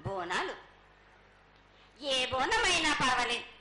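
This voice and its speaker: A woman's voice: high-pitched, very animated, takes it slowly, bright, forceful tone. A woman speaking as an oracle in a prophetic trance, chanting repetitive blessings in the voice of a goddess. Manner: incantatory, repetitive, declaring blessings in first person as a goddess. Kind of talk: prophetic trance oracle pronouncement at a temple festival. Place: live temple festival ceremony. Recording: echoey live festival sound, faint noise.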